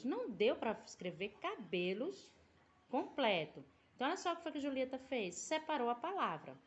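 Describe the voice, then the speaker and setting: Lively-voiced woman teacher, patient. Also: high voice, lo-fi sound. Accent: Brazilian Portuguese. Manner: patient, explanatory, drawn-out syllables. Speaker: primary school teacher. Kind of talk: recorded remote class lesson.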